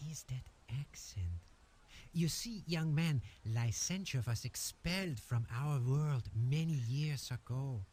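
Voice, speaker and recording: Slow-talking snooty collector dude from an adventure game, man voicing him, measured and self-important. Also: mid-range voice, warm tone, slight background noise, close to an everyday voice. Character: fussy male collector of rare voices. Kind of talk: game voice acting.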